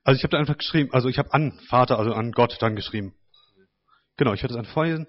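A man's voice: mid-range voice, racing. A man in a group session telling what he felt, then reading his own written text aloud. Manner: relaxed, loose with fillers. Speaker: participant. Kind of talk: casual sharing and reading aloud. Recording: dull lo-fi sound.

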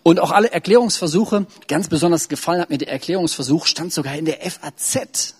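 A man delivers a sermon in a relaxed, talky way, as if thinking aloud to his congregation. His voice sits a little high for a man and has a husky, breathy edge. He stumbles, restarts and fills pauses freely. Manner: chatty, loose, with many fillers and restarts. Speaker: preacher. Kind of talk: casual conversational sermon.

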